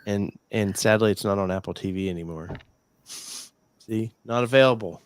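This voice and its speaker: A man's voice: on the low side, moderate pace, smooth. A man in his forties hosting a podcast, joking and rambling as he hunts for words. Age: 40s. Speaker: podcast host. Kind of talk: casual podcast chat.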